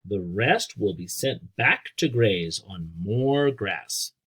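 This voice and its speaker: This is a read-aloud lesson led by an American man with a husky voice, who speaks straight to the children in simple, explanatory terms and asks them questions along the way. He is unhurried, and his pitch rises and falls with liveliness.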